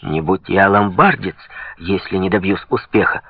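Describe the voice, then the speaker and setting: Man reading eager young Lombard banker, assured, low voice, dull lo-fi. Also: normal speed, slightly rough. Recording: dull lo-fi sound.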